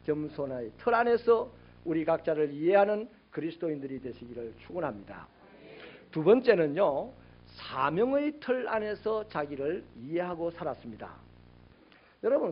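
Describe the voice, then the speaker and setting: A male pastor preaching a sermon, animated and sometimes shouting out quoted rebukes to his congregation. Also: on the high side, moderate pace, muffled recording.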